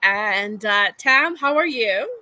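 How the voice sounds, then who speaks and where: Bright-voiced woman hosting a live interview. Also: mid-range voice, animated, takes it slowly, rough recording. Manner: upbeat, chatty, with fillers and restarts. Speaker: host. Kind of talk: live-streamed interview show.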